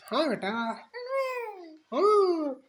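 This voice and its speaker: A man's voice: very high voice, sing-song, extremely slow, a bit bright. A man at home, talking to his small child in coaxing baby talk in a casual home video. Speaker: father talking to his toddler.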